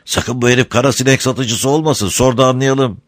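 A man's voice: medium pitch, fairly even intonation, moderate pace, no room sound, studio quality, pitched above the performer's own voice, lightly acted. A man voicing a sly, joking tobacco smuggler in a read-aloud story. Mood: wry. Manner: mocking, wisecracking.

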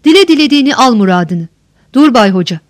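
A composed young warrior chief speaks with striking calm and a measured pace. The voice sits a little high and is recorded close and dry, acted out by a woman narrator. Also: dry recording.

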